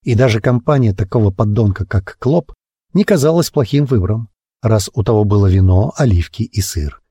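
A male audiobook narrator with a low, husky, mellow voice. His delivery is expressive, with a lively rise and fall. The sound is close and dry. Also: moderate pace, dry recording.

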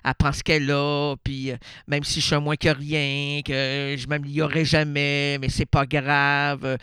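A man's voice: a little high, monotone, a little slow, pushed and bright, clean tone, dry recording. A man with a Québécois accent hosting an absurd improvised radio monologue, rambling playfully and laughing at his own jokes into a studio microphone. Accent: Québécois French. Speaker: radio host.

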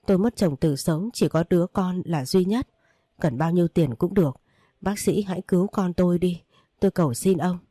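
A woman's voice: fairly low pitch, moderate pace, dark tone, no room sound, clean studio sound, natural voice. A woman voicing a grieving elderly widowed mother who pleads for her son. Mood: pleading. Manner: pleading, sobbing words.

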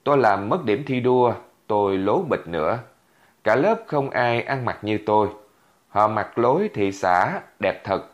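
A man with a lowish voice narrates a first-person tale in a vivid, dramatic way. His pitch moves with lively swings. The recording is dull and lo-fi. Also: unhurried.

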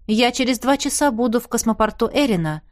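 A woman reading the part of a wary, irritated young heroine in an audiobook, terse and sharp. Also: a little high, expressive, a little fast, dry recording, studio quality, lightly acted.

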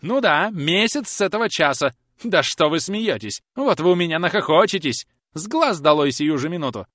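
A man reading an audiobook aloud, voicing a vindictive, croaking old woman housekeeper who screeches her spite. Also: on the high side, big pitch swings, fairly quick, a bit bright, no echo, voice pushed up. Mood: screeching. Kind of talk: audiobook character voice.

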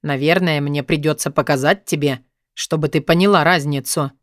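A woman voicing a cold, domineering adult male teacher who speaks low, slow and menacing. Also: fairly even intonation, dry recording, clean studio sound, close to an everyday voice.

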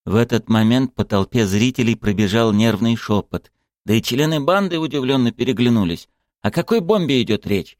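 A man narrating an audiobook with dramatic, lively reading. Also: mid-range voice, fairly quick, dry recording, clean studio sound. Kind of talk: scripted narration.

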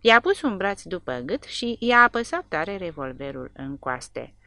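A woman narrating a war novel as an audiobook with an expressive, dramatic reading. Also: lowish voice, gravelly, no room sound.

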